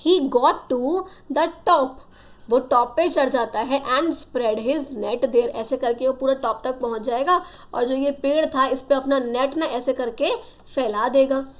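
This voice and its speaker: A young woman with a high voice teaches a story lesson at an unhurried pace. She reads each English line slowly, then explains it in Hindi.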